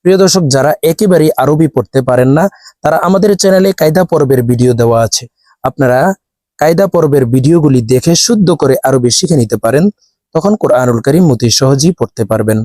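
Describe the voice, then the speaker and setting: A man with a fairly high voice gives a recitation lesson, spelling out each letter and vowel mark for his viewers. His recording is close and dry. He moves between quick explanations and slow chanted verses. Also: dark tone, no room sound. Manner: addresses viewers as dear viewers, spells letters and vowel marks aloud. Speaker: Quran recitation teacher.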